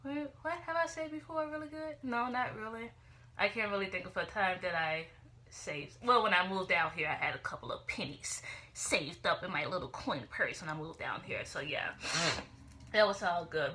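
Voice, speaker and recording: A young vlogger from Chicago chats loosely to her camera at normal speed, her thoughts wandering and her speech full of "you know" and "like." Her slightly low voice still sounds bright and forward. A faint room hiss lingers behind her.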